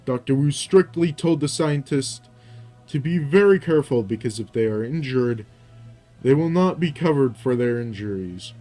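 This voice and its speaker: A young man narrating his own fan fiction aloud, in a steady storytelling manner with small slips and restarts. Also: medium pitch, normal speed, soft background music.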